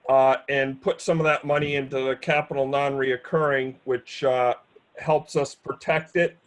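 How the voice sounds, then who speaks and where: A man chairing a town board of finance meeting over a video call, speaking in a measured, steady way with frequent fillers. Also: a little high, low-quality recording. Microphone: computer mic on a video call.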